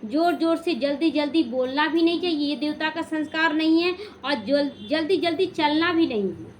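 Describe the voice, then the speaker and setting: Calm high-voiced woman giving devotional talk. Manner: slow, calm, instructive, with restarts and stories. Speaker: spiritual teacher.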